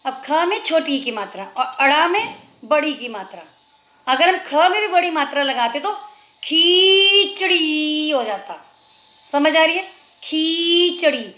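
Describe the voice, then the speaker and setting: A woman with an Indian accent teaching a children's Hindi lesson, stretching out each example word slowly and clearly. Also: high-pitched, very animated, fairly bright tone, echoey room. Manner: slow, drawn-out pronunciation of example words.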